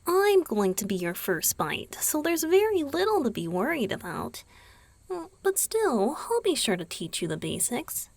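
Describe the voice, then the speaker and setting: A woman plays a gentle, teasing vampire boyfriend in a one-sided, intimate ASMR roleplay, murmuring close and dry into the mic with no echo. He speaks a little slowly in an exaggerated voice, explaining patiently and often slipping near a whisper as his pitch rises and falls in a lively, affectionate lilt. The mood is reassuring and affectionate.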